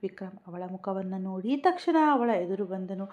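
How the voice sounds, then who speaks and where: A woman narrating a family story in a soft, tender scripted style. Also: medium pitch, animated, moderate pace. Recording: dull lo-fi audio.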